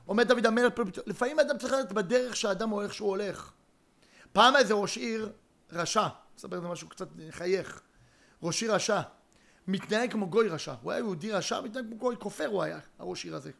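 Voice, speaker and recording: A man giving a Torah lecture as a rabbi, telling a story with dramatic pauses and sudden emphasis. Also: sits high, gravelly, fairly bright tone.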